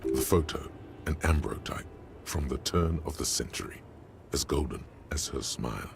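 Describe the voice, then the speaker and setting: A male actor playing a solemn, erudite game narrator with a gravelly voice and measured, darkly poetic delivery. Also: a bass voice, background noise.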